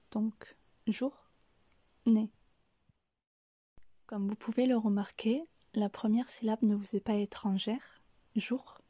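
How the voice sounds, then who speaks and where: A woman giving a careful pronunciation lesson, breaking each word into syllables in a soft, breathy delivery. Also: on the high side, no room sound. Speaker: French pronunciation teacher.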